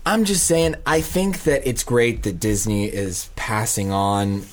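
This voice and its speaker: A man's voice: fairly low pitch, measured pace. A man co-hosting a podcast in casual, conversational chat. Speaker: podcast co-host.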